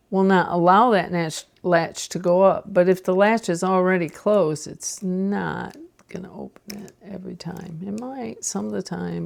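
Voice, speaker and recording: A woman's voice: fairly low pitch, vocal fry, darkish tone. A woman hosting a casual knitting tutorial, chatting to herself as she works a sock machine, sometimes dropping to a whisper. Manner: chatty, talks to herself while working, drops to a whisper at times. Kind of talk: casual how-to demonstration.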